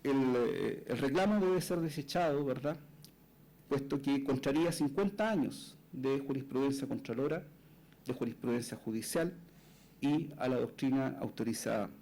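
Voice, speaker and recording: A man, a lawyer making a formal oral argument before a court, measured, often tagging his phrases with a questioning "right?". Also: medium pitch, mellow, a little hiss or hum, low-quality recording.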